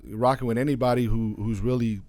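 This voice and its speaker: Speaking a little fast with fairly even intonation, this Arizona man has a warm, medium-pitched voice, recorded with no room sound. A DJ and radio station owner from Arizona, USA, he's a guest in a casual interview, talking loosely and often adding "you know what I'm saying."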